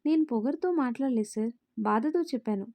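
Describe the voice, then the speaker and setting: An earnest, outspoken young woman who pleads and stands firm, from a spoken storybook, read by a woman. The voice is fairly high and mellow, with a dry, close sound. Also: quick pace, no echo, natural voice. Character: young woman, a firm and caring caretaker of a little girl.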